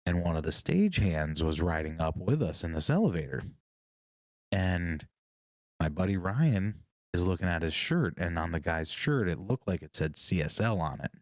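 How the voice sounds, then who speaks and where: A man co-hosting a podcast, telling stories in a casual chat and getting animated when he quotes people. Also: deep voice, moderate pace, no echo. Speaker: podcast co-host.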